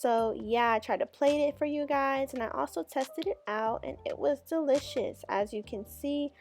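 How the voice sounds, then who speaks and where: Woman cooking vlogger, slightly high voice, friendly how-to voice-over, light background music. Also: moderate pace, a little mellow. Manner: friendly step-by-step instructions. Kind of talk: voice-over narration of a cooking video.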